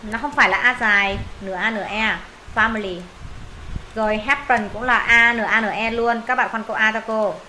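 Fairly quick and steady, her voice runs on the high side with a sharp tone, recorded in low quality with a bit of hiss or hum. She teaches English pronunciation in Vietnamese, modelling and repeating words for students and thinking aloud when unsure.

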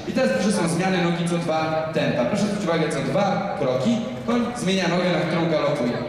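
A man commentating live in an arena, calmly and instructively explaining the riding to the spectators. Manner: calm, instructive, addresses the audience directly. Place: large indoor equestrian arena with spectators. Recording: booming arena echo from far off, crowd behind.

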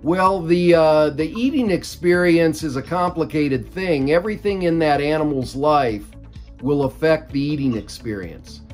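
An older man, a company executive, answering interview questions at length from a home study over a video call, measured and explanatory with frequent fillers. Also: on the high side, faint music behind. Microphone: video call webcam.

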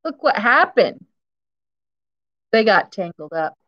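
In a school classroom, a woman in her fifties reads a picture book to young children, repeating key phrases and adding simple explanations like a teacher. Her mid-range voice swings widely in pitch and she takes her time. The recording is muffled.

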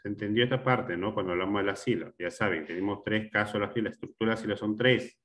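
A male teacher giving a classroom grammar lesson, explaining step by step, repeating words and often checking with a quick question. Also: lowish voice, a bit bright.

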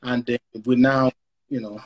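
A man from Nigeria hosts a casual video-call interview from home, upbeat and chatty with slangy asides. His voice sits in a middle pitch and has a slightly husky edge. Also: flat delivery, normal speed, lo-fi sound. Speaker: interviewer host. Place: home room.

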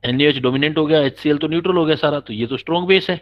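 A man teaches a chemistry class in a classroom lecture, patiently explaining and quizzing his students. His voice sits on the high side and he talks very fast. The recording is dull and lo-fi.

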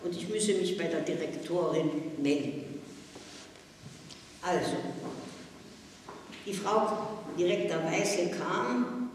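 Old lady reading her memoir, slow and careful, big echoey hall, mic far away. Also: fairly low pitch, slight background noise. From Austria. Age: older. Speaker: memoir author reading aloud. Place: public hall at a town office. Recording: echoey hall, distant mic, faint ambience.

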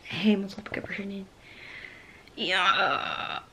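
A young woman chatting casually in a vlog from her bedroom, gushing and excited, talking to a handheld camera. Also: mid-range voice, slow pace, gravelly, over loud music. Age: young adult. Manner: excitable, gushing, exclaims often. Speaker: vlogger. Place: bedroom at home. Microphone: handheld camera at arm's length.

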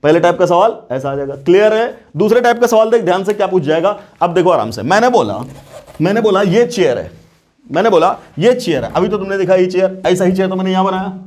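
A man with a high-pitched voice teaches chemistry to a class. He repeats his questions and keeps asking whether the students are clear. He talks in a casual, familiar way, calling them "beta". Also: lively intonation, fast, a little mellow. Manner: repeats questions, checks understanding often. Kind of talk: classroom lecture.

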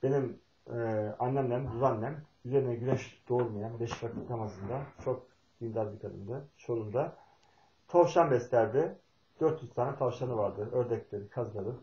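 A middle-aged man from Turkey telling a folksy, meandering family story with pauses and fillers. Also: mid-range voice, dark tone, reverberant, dull audio. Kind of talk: spoken talk with personal storytelling.

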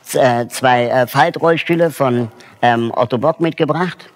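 A man from Germany who founded a social project lectures students in a hall, explaining the project. His voice is medium-pitched and his pace measured, and he speaks thoughtfully with frequent hesitation fillers.

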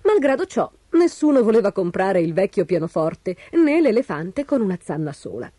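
A woman reading a children's storybook aloud, expressive and animated. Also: mid-range voice, moderate pace, no room sound, studio quality.

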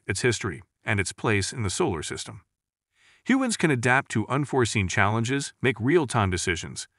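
A man's voice: fairly low pitch, a bit bright, no room sound, clean studio sound. A man reading scripted documentary narration in a grand, earnest manner.

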